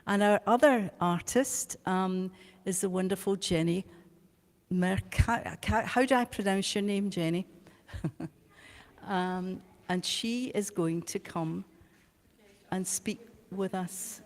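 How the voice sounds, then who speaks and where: A woman moderates a symposium panel, thanking guests and introducing the next speaker at an unhurried pace. The sound rings with a long hall echo. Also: mid-range voice. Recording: echoey hall.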